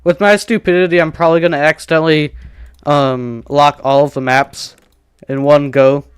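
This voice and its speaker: A man's voice: on the high side, fairly even intonation, moderate pace, clean tone, no room sound, studio quality. A man streaming a survival game, casually thinking aloud and joking at his own expense while he plays. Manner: rambling, self-deprecating, thinking aloud.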